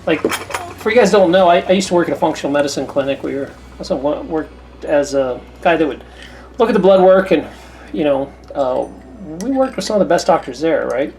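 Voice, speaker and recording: A woman with a notably deep voice talks casually while she cooks in her home kitchen. She rambles from one story to the next in an easy, chatty way. Faint music plays in the background. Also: animated, fairly quick, a little mellow. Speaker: cooking channel host. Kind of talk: casual chat while cooking.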